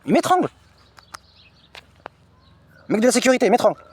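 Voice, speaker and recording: Fast, lively high-pitched man ranting. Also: breathy edge. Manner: agitated, repetitive, slangy retelling. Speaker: vlogger recounting personal experiences. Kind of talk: personal storytelling monologue.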